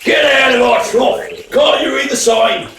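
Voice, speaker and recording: A man voicing a grumpy farm pig with a gruff, very low voice. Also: a little slow, fairly bright tone, slight background noise. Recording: echoey room from a distance with faint music.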